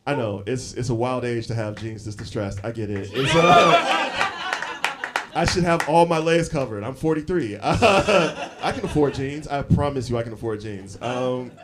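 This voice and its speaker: A man in his forties telling stories in a live stand-up set, animated and laughing often between lines. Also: medium pitch, moderate pace, slight background noise. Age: 40s. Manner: animated storytelling, frequent laughs and fillers. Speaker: stand-up comedian. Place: comedy club stage with audience. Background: audience laughter.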